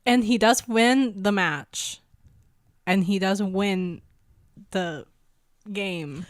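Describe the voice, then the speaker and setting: A woman co-hosting a podcast in casual chat, easygoing and agreeable and quick to laugh. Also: medium pitch, no echo, clean studio sound. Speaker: podcast co-host.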